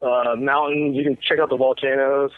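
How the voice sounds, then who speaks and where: A man's voice: mid-range voice, flat delivery, dry recording. Hesitant man on a tinny phone line. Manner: hesitant, halting. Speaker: caller. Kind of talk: casual phone chat.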